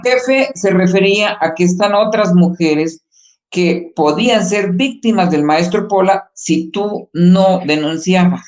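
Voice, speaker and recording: A woman interviewer calmly clarifying what her guest has said. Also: fairly low pitch, unhurried, echoey room, rough recording.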